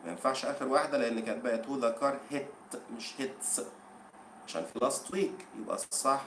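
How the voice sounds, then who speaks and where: A man with an Egyptian Arabic accent teaching English for an exam, explaining in Arabic between slow English quotes and asking the class questions. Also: medium pitch, roomy sound, background noise. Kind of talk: exam-prep lesson.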